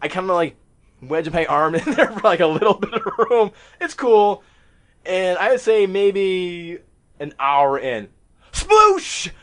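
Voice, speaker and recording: Male podcast host, casual storyteller, profane and self-mocking, slightly high pitch. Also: expressive, unhurried. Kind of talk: casual storytelling among friends.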